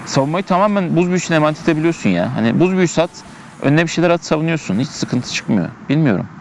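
Recorded outdoors in a park, a man chats and thinks aloud while playing a game, often repeating himself in casual commentary. His voice is fairly high and very animated, coming out rapid-fire, with slight background noise.

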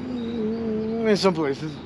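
A man's voice: high voice, expressive, extremely slow. A middle-aged man guiding a walking tour, talking in a laid-back, slangy way outdoors. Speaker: local tour guide. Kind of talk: casual chat. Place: outdoors in a town park. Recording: outdoor street noise.

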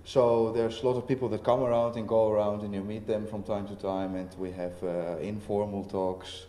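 A man with a fairly low pitch and warm tone talks in a flat, halting way, full of fillers and restarts. He is a visiting artist on a casual panel at a festival talk venue, recorded in a roomy hall with faint noise.

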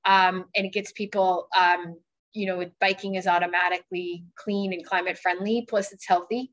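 A woman's voice: fairly low pitch, fairly even intonation, normal speed, fairly bright tone. A woman in her forties, a county supervisor, speaking at a town hall over a video call in an earnest, urging, conversational way with fillers. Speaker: county supervisor on a transit board. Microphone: video call webcam.

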